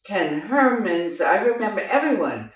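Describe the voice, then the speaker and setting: An older woman reminisces about the theater, laughing often as she tells her stories. Her voice swings widely in pitch and she takes her time. She sounds set back from the mic in a very echoey room. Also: a little slow, recorded from a distance. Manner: animated storyteller, laughs often, exclaims "oh my God". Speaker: theater director recalling past productions. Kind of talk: casual reminiscing chat.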